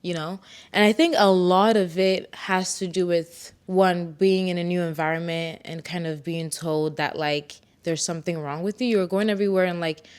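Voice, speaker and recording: A young woman from Ghana hosts a solo podcast, talking candidly about her own life. Her voice sits a little low for a woman. She reflects openly and now and then hypes herself up with a playful grin. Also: steady tone, moderate pace, few pauses, a little mellow, smooth. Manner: candid, reflective storytelling with bursts of playful self-hype. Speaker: podcast host.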